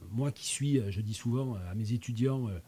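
A man's voice: mid-range voice, a little fast, warm tone, husky. A man in his fifties with a regional French accent, hosting a casual chat, hesitant, with many fillers and restarts. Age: 50s. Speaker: host.

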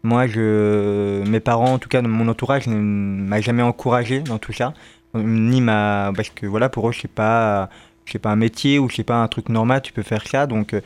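A man's voice: medium pitch, darkish tone, clear, resonant tone. A man with a lisp that turns s sounds slushy, chatting hesitantly as a comedian being interviewed. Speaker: interview guest, stand-up comedian. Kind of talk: casual interview chat.

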